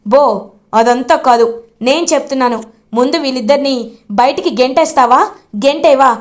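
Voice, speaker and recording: A woman's voice: high-pitched, normal speed, close to an everyday voice. Woman reading as a harsh domineering mother. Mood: demanding. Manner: forceful, demanding.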